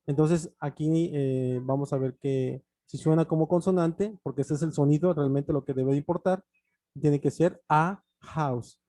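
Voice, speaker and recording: A man's voice: on the high side, steady tone, normal speed, hardly any pauses, warm tone, dry recording. A man teaching an online English grammar lesson, explaining patiently with frequent fillers and restarts.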